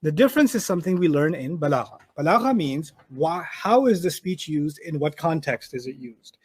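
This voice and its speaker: High-voiced man teaching Arabic grammar. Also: expressive, husky. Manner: patient, repeats key points, acts out quick example arguments. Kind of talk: one-on-one grammar lesson.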